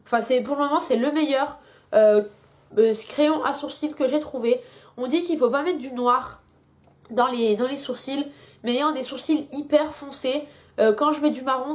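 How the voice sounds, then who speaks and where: Chatty young woman, slightly high voice. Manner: chatty, many hesitations. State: has a headache. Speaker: beauty vlogger. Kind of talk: casual product review.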